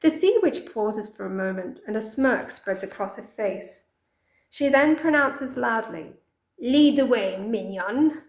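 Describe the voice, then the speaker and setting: A woman's voice: a little high, animated, measured pace. Woman reading a storybook in an echoey room. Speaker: audiobook narrator. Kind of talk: scripted storybook narration.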